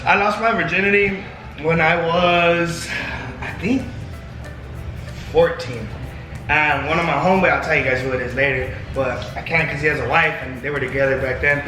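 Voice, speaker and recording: A man's voice: on the high side, fairly even intonation, moderate pace. A young man bantering crudely with friends as he hosts a casual Q&A, swearing freely. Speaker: vlog host taking part in a Q&A. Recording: echoey room with loud music underneath. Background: music.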